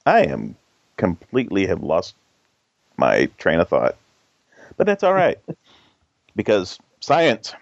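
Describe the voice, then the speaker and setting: A playful woman on a podcast talks slowly, her pitch swooping widely. The recording is dry and dull. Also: huge pitch swings, vocal fry, no room sound. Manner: laughs a lot, playful. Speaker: podcast co-host. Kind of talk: casual chat.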